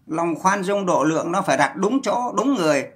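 A man's voice: high voice, expressive, brisk, a bit bright. A man ranting on a livestream, scolding and cursing in a heated voice. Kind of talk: angry livestream rant.

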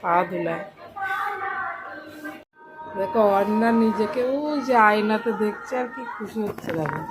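A woman's voice: medium pitch, a little slow, over music. A woman casually narrating a family vlog to her viewers, chatty and pointing things out as she films. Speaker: family vlogger. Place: outdoors and in a small local salon. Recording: noisy street and outdoor sound.

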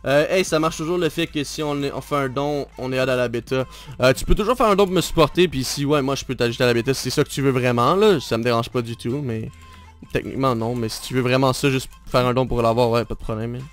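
A man's voice: mid-range voice, quick pace, faint music behind. A man with a Québécois accent hosting a live game stream, chatting casually and teasing his friend and viewers. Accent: Québécois French. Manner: teasing, bantering, talks straight to viewers. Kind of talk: casual live gameplay commentary.

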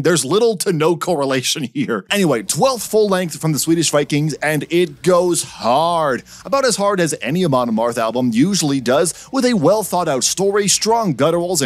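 A man hosting a metal music podcast, talking in an energetic, jokey and profane way as he reviews albums. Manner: animated, jokey, profane, swings pitch up for emphasis. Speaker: podcast host.

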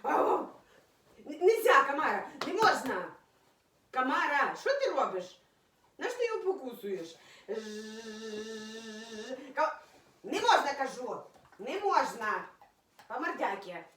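A woman's voice: on the high side, very animated, slow, long pauses, fairly bright tone, distant mic. A woman at home talking to her dog in playful, teasing baby talk and laughing often, recorded on a phone camera held away from her. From Ukraine. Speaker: dog owner. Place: at home indoors. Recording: roomy, from off-mic, faint noise.

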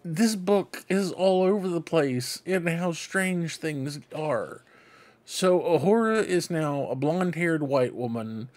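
Here the fan book club vlog host, a middle-aged man, has a somewhat high, slightly mellow voice and a slow pace. He chats in a rambling show-and-tell way from his cluttered home room, a desk microphone close before him.

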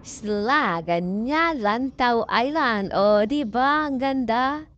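Her slightly high, a bit bright voice moves slowly with lively intonation as this vlogger hikes a mountain peak, handheld phone in hand. She's bubbly and playful, talking to viewers like friends, though the recording sounds muffled.

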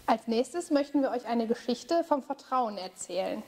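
A woman leading a children's church service, reading a story slowly, clearly and expressively. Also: a little high, expressive, darkish tone.

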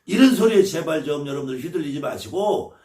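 A man's voice: on the high side, expressive, a little fast, reverberant, distant mic, noisy background. A man from the Chungcheong region, a shaman teaching his viewers, blunt and scolding and swearing freely as he lectures. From Chungcheong, South Korea.

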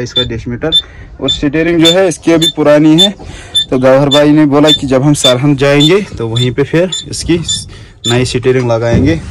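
एक जवान कश्मीरी लहजे वाला आदमी, जो फ़ोन हाथ में लेकर दर्शकों को अपना ट्रक दिखाता और समझाता है।. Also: male voice, medium pitch, very noisy. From Kashmir. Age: young adult. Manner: friendly, shows things off to viewers. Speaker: trucker vlogger. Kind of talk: casual vlog walkthrough. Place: outdoors beside parked trucks and in the cab. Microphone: phone camera at arm's length.

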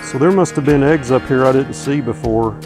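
Speaking fairly quickly in a medium-pitched voice, a beekeeper vlogger chats folksily to the camera as he works in a wooded bee yard, musing aloud with fillers. Music and the buzz of bees play in the background.

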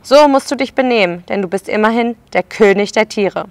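A woman's voice: medium pitch, fairly quick, dry recording, lightly acted. A woman voicing a commanding, middle-aged male circus director in a read-aloud storybook.

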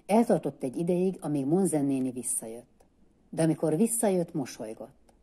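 Low-voiced woman reading a children's story. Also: expressive, mellow, slightly rough. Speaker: librarian reader.

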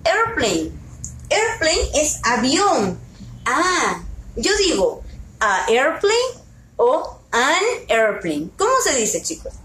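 Teaching young children in two languages, a very lively woman with a high voice takes her time, repeating each word and asking questions with patience. Her voice echoes in a roomy space, and there is a little background noise.

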